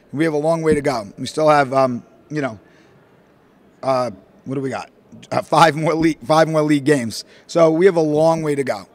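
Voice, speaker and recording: At a postgame press conference, a middle-aged male basketball coach stands at a podium in the press room, a logo backdrop behind him. His voice runs on the high side, and he answers questions into the microphone in animated, rambling bursts packed with fillers.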